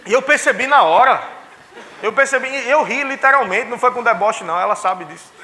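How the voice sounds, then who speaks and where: Bright high-voiced pastor. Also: male voice, expressive, fairly quick, a little hiss or hum. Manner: storytelling, acting out dialogue with family. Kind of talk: sermon. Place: church.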